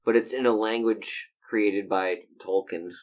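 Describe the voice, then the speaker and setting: Very deep-voiced woman, deadpan quips. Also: a little slow. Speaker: podcast co-host. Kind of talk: casual chat.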